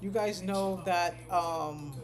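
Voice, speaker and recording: Taking things slowly, a deep-voiced woman who instructs medical coding chats with her class over a live stream, rambling and repeating points for emphasis. Crowd noise can be heard in the background.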